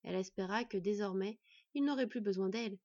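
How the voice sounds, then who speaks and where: A woman narrating a fantasy story in a measured storytelling way. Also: medium pitch, a little mellow, no echo. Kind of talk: scripted narration. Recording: dry, slightly dull recording.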